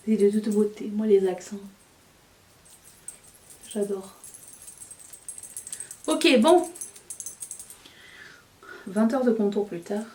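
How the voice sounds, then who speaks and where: A woman's voice: mid-range voice, expressive, slow pace, long pauses, a little mellow, echoey room, distant mic. Chatty woman doing her makeup. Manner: chatty, self-mocking, talks while applying makeup. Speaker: beauty vlogger. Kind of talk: casual makeup tutorial chat.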